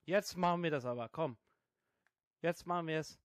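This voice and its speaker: A man's voice: fairly high pitch, normal speed, no room sound, clean studio sound. A man gaming with friends in casual chat, groaning and exclaiming at the game. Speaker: gamer teammate.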